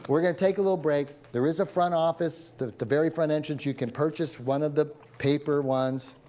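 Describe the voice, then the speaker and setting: A man's voice: mid-range voice, dark tone, slight background noise. A man teaching a class, speaking casually and checking in with his listeners. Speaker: hypnotherapy instructor. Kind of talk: classroom lecture.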